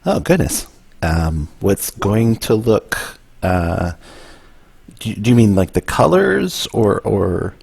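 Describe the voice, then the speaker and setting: A man improvises as a player in a tabletop fantasy game, slowly and with frequent stammers. His voice is husky and creaky, with lively swings of pitch, recorded close and dry. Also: no room sound. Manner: stammering, halting, repeats words. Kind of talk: improvised in-character tabletop roleplay.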